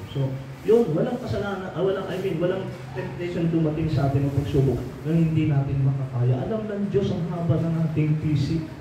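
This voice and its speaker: A male pastor preaching a sermon, often asking the congregation to agree and turning fervent when he rebukes. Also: on the high side. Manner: mixes English phrases into preaching, frequent rhetorical checks. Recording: very echoey hall, mic at a distance, faint room noise.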